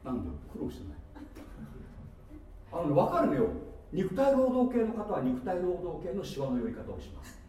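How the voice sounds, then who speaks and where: A man preaching a sermon, playful and animated, with asides and laughter, recorded from a distance in a church hall. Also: sits high, moderate pace, long pauses. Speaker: pastor. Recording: echoey hall from far off with faint noise.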